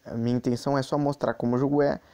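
A man's voice: medium pitch, little pitch movement, very fast, mellow, clear, resonant tone. A man giving chatty, casual commentary while playing a mobile game, talking to his viewers with many asides. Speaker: mobile game channel host.

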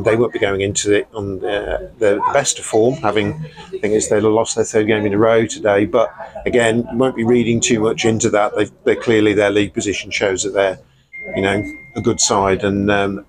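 A man's voice: on the low side, poor audio. Man, English accent, post-match interviewer, rambling questions, crowd noise behind. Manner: long rambling questions with fillers. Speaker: club reporter and interviewer.

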